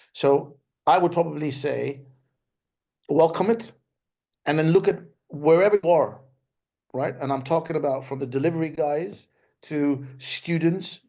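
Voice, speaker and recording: Picked up by a video call microphone, the highs are cut off on this fairly high, mellow male voice. He's a Danish-raised tech executive speaking as a webinar guest on a remote call, chatty, often restarting and adding "right?" to his points.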